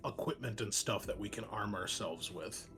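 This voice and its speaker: Faint music plays beneath this man's lowish, fairly bright, slightly rough voice, which moves at a normal speed. In the middle of a tabletop roleplaying session, he chats casually with dry humor and readily walks others through the rules.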